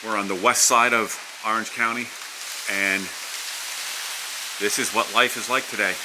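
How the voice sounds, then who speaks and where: A man's voice: lowish voice, fairly even intonation, unhurried. A man narrating a casual vlog outdoors from under a house porch during a storm. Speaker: vlogger. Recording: wind, rain and hiss behind voice.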